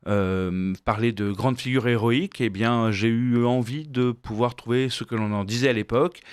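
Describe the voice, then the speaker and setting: A man's voice: fairly low pitch, dry recording. Hesitant man, dry studio sound. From Flemish background. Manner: thoughtful, many hesitations and restarts. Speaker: guest, painter and storyboard artist. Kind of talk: radio interview answers.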